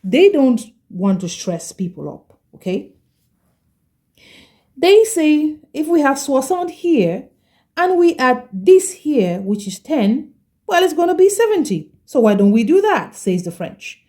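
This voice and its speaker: A woman teaching a French lesson, explaining patiently and repeating each word slowly, often checking in with "okay?". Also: high voice, very animated, mellow. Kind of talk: slow explanatory language lesson.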